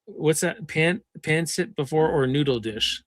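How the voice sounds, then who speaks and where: A man's voice: on the high side, measured pace, no echo, studio quality. A man hosting a casual livestream chat, reading viewers' comments aloud with lots of fillers. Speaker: livestream host.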